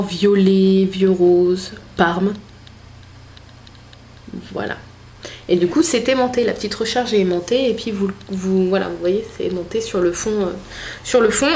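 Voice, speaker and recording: A young woman filming a casual makeup vlog at home, talking in a relaxed, rambling way full of little fillers. Her voice sits at an ordinary middle pitch. A faint hiss runs under the recording. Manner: chatty, hesitant, many fillers and restarts. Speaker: beauty vlogger. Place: home room with a desk.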